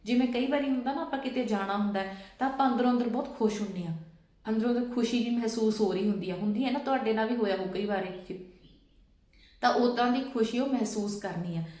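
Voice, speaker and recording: A woman's voice: fairly high pitch, quick pace, a little mellow. Patient woman in an echoey room. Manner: patient, repeats steps, checks in with listeners. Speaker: vlogger. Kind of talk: casual instructional talk.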